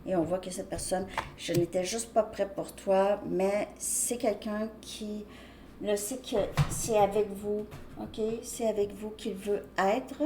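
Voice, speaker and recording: A woman's voice: medium pitch, steady tone, slow, background noise. A woman giving a casual tarot reading to her viewers, talking loosely and restarting her sentences often. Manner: loose, rambling speech with frequent restarts. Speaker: tarot reader.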